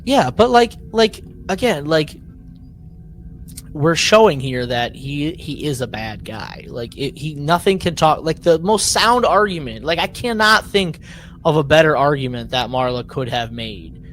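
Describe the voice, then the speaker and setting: Over soft background music, a podcast co-host recaps things in an animated, casual chat. His voice is fairly high, very lively, unhurried and a bit bright, and he speaks emphatically, repeating himself for effect and acting out mock quotes.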